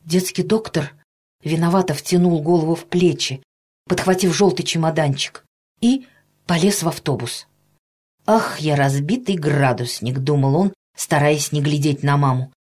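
A woman reading a children's story aloud, in an expressive way that rises with the emotion of the scene. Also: sits low, normal speed, slightly rough.

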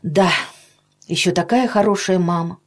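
A woman voicing an excitable, kind male children's doctor in a storybook reading, talking in effusive exclamations. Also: lowish voice, moderate pace, lightly acted. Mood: self-reproaching. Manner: effusive, self-reproaching exclamations.

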